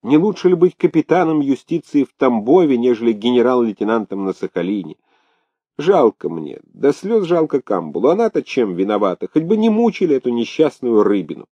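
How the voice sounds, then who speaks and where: A tired, put-upon old governor from a spoken storybook, sighing out his complaints, as a male reader puts him on. The tone is dark and the pitch swings widely, on a dull, lo-fi recording. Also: big pitch swings, brisk, no room sound. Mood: weary. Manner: weary, plaintive, groaning.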